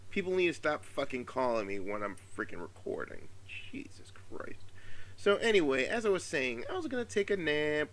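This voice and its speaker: A man with a slightly subdued, sore-throated voice gives a casual, rambling opinion commentary, halting, exasperated and swearing freely. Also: medium pitch, a bit bright. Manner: profane, exasperated, halting with emphatic stresses. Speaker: solo video commentator.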